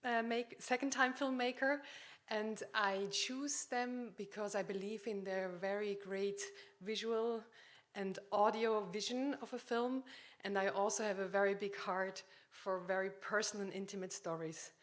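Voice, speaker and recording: A woman's voice: mid-range voice, fairly even intonation, a little slow. A woman presents herself as a film producer. She talks in an earnest, personal way and stops here and there to search for words. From Switzerland.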